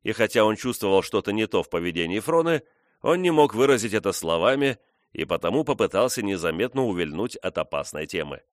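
A man narrating an audiobook in an expressive storytelling manner. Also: lowish voice, fairly quick, no echo, studio quality. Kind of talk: scripted narration.

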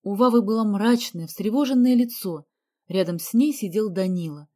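Give me a woman narrating an audiobook calmly, with a mellow tone. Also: medium pitch, moderate pace. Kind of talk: scripted narration.

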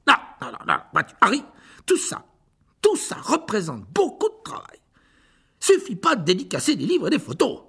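A performer playing a vain, evasive male wizard teacher in a storybook reading. The voice is gravelly and husky, swinging up and down in pitch as he hedges with fillers and nervous little laughs. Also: huge pitch swings, normal speed, a bit bright, full character voice. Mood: smug.

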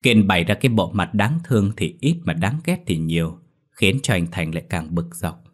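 A man narrating a ghost story in a brisk, lively reading. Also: sits low.

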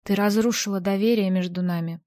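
A woman's voice: mid-range voice, steady tone, fairly quick, dark tone, dry recording, studio quality, close to an everyday voice. A woman voicing a jealous, vengeful young man in an audiobook, speaking in a cold, mocking way. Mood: menacing.

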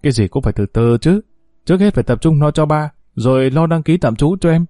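A man's voice: on the high side, expressive, fast, warm tone, dry recording, clean studio sound, pitched above the performer's own voice, natural voice. A man doing a weary, snappish husband. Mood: irritable. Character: worn-out young husband, irritable and evasive. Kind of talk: audiobook character voice.

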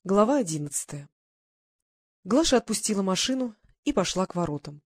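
A woman narrating an audiobook in an even, measured storytelling voice. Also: medium pitch, no echo, studio quality.

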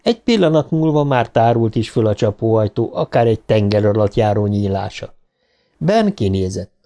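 A man narrating a novel as an audiobook reader, in an even storytelling manner. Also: lowish voice.

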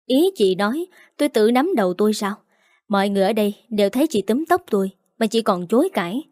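A woman's voice: mid-range voice, lively intonation, fast talker, darkish tone, dry recording, clean studio sound, close to an everyday voice. A woman voicing a spiteful, bratty young woman who taunts and sneers, in an audiobook. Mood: whining. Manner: sneering, mocking. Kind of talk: audiobook character voice. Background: faint background music.

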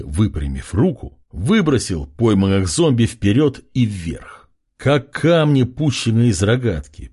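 Expressive, husky male storyteller. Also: medium pitch. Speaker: audiobook narrator. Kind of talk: scripted narration of a fantasy story.

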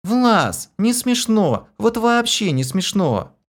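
A man voicing a blunt, quick-tempered young woman in a storybook reading. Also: sits high, very animated, pitched above the performer's own voice, full character voice. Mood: indignant.

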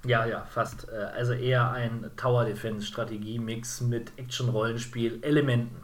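A man's voice: medium pitch, steady tone, moderate pace. A man co-hosting a casual games podcast, rambling with many fillers and self-corrections. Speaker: podcast co-host. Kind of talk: casual game podcast chat.

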